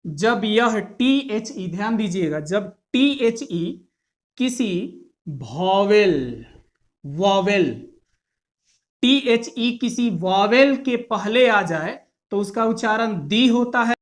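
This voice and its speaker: A man's voice: high-pitched, lively intonation, very slow. A man teaching English pronunciation in a classroom style. He is patient, repeats each point and asks his class questions.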